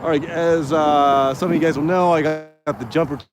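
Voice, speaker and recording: A man's voice: fairly high pitch, steady tone, normal speed. A man giving casual, hesitant live commentary as he flies a model plane outdoors. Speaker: radio-control plane vlogger. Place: outdoors by a road in wind. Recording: noisy windy outdoor recording with vehicle sound. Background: wind and outdoor motor noise.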